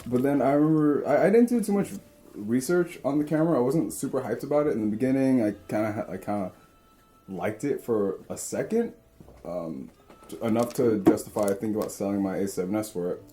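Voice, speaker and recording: A young man co-hosting a casual chat about cameras, talking in a rambling, halting way with crude asides. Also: mid-range voice, mellow, a little hiss or hum. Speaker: co-host.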